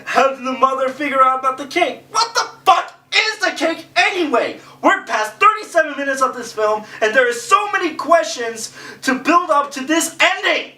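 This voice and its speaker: A young man rants with exasperation and lots of swearing in a comedic movie review. His bright voice swings up and down. He sounds far from the mic in an echoey room. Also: very high-pitched, expressive, moderate pace, hardly any pauses. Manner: exasperated, profane ranting.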